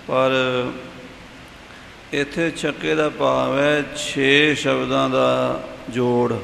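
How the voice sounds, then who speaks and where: A man giving a patient, measured explanation in a recitation lesson. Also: medium pitch, creaky, fairly bright tone, reverberant, in a large hall, slight background noise, rough recording. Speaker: recitation teacher.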